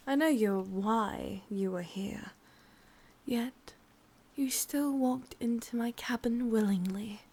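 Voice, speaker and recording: Sly and gloating, an English-accented woman half-whispers as a possessive, sadistic forest witch in an ASMR roleplay, teasing in long, drawn-out phrases. Her voice sits a little high and sounds mellow.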